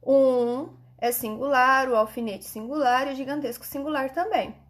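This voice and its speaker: In an online class, a Brazilian teacher whose voice is fairly high leads kids step by step through exercises from their textbook. Her manner is instructive, with regular check-in questions to make sure they keep up.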